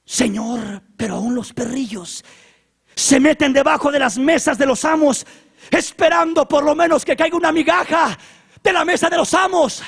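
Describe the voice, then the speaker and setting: A man's voice: high-pitched, measured pace, creaky, a little mellow, husky, full character voice. A man preaching a sermon, voicing a desperate foreign mother who pleads and cries out. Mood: humble pleading. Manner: pleading, crying out.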